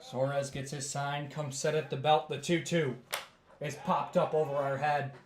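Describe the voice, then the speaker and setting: A man doing baseball play-by-play who is losing his voice, with calm measured calls that rise on big plays. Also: fairly high pitch, echoey room. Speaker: play-by-play announcer.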